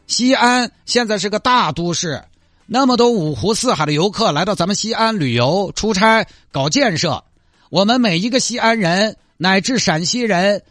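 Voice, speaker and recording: A man's voice: sits high, fairly bright tone, no echo, studio quality. A man voicing an earnest young male city enforcement officer, patient and reasoning.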